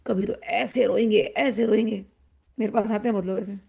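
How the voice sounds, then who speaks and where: A woman spiritual teacher giving a devotional discourse, wry and animated, who acts out the people she describes. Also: mid-range voice, moderate pace, vocal fry, husky. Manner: wry, mocking.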